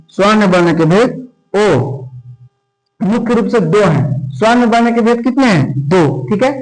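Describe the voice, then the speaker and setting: High-voiced tutor drilling by repetition. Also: male voice, darkish tone, rough recording. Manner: repeats key words, asks and answers own questions. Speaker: teacher. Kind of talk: classroom lesson explanation.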